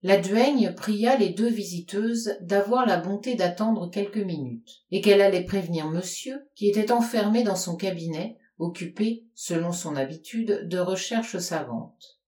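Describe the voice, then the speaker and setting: A woman narrating a classic novel aloud in a measured storytelling manner. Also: medium pitch, mellow. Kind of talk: audiobook narration. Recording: roomy echo.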